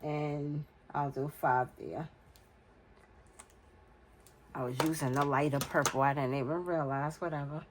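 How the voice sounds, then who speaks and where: On a low-quality recording with slight background noise, a budgeting vlogger from the United States, in her forties and nasal from a cold, speaks in a low, steady voice at a measured pace, pausing often. She keeps things casual and unhurried, filling in budget challenges while counting aloud under her breath.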